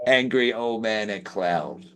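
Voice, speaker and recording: A man co-hosting a podcast, chatting casually in a jokey, rambling way with bursts of loud excitement. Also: lowish voice, clear, resonant tone. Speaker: podcast co-host. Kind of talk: casual podcast sign-off chat.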